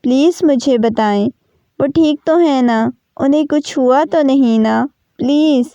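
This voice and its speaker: A woman's voice: high-pitched, mellow, dry recording, lo-fi sound. A woman voicing a young new mother who keeps pleading tearfully in a storybook reading. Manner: pleading, insistent.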